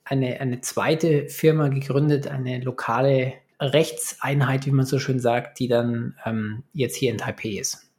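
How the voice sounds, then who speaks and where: A man's voice: medium pitch, steady tone, measured pace, a little mellow. Male podcast guest, 40s, business coach, mid-range voice, conversational, hesitant word-searching delivery. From Munich, Germany. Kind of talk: casual interview talk.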